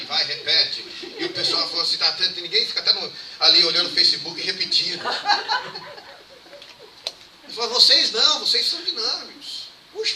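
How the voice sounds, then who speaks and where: Fast-talking young pastor in an echoey church. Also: male voice, fairly high pitch. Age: young adult. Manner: lively anecdotal preaching, acts out dialogue. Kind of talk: storytelling sermon. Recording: echoey church hall, mic far off, background noise.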